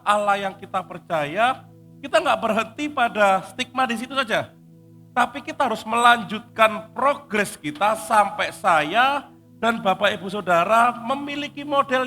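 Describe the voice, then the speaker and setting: A man preaches in a church with a high, bright voice, talking straight to his congregation in a loose, conversational way. He slips into the voices of the people he describes. Soft music plays faintly behind him. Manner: acts out quoted speakers in his voice. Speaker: pastor. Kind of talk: sermon.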